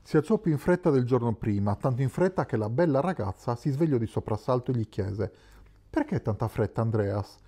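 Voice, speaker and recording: A man narrating a literary novel as an audiobook in a calm, measured way. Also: medium pitch. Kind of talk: scripted narration.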